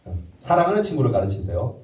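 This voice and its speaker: A man's voice: medium pitch, fast talker. A man giving a sermon to teenagers as a youth pastor. He keeps asking questions and answering them himself. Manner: lively, acts out prayers in character. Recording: roomy echo, voice heard from a distance.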